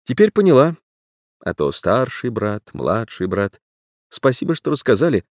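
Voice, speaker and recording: A man's voice: mid-range voice, sing-song, dry recording, voice pushed up, natural voice. A man voicing a cool, dry young woman. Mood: wry. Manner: measured, dry questions.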